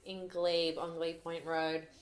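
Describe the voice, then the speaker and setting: A woman's voice: lowish voice, flat delivery, slow pace. A woman, co-hosting a casual podcast chat with playful, teasing banter. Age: 30s. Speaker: co-host.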